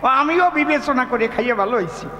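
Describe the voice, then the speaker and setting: A man's voice: very high voice, expressive, fairly quick, sharp tone, slight background noise, exaggerated voice. A man doing a smug old village uncle. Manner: confident, lecturing explanation. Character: sly old village uncle, male, smug know-it-all. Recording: echoey hall with faint music.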